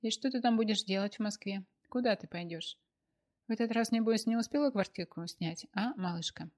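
A woman's voice: mid-range voice, brisk, natural voice. A woman voicing a sullen young man who speaks in a sugary, lisping tone with menace underneath. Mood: cloying menace.

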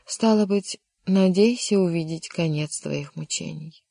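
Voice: medium pitch, unhurried, vocal fry, dry recording, clean studio sound. A reader voicing a coaxing, kindly king. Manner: warm, coaxing, sometimes vexed. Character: kindly insistent older male king. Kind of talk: audiobook character reading.

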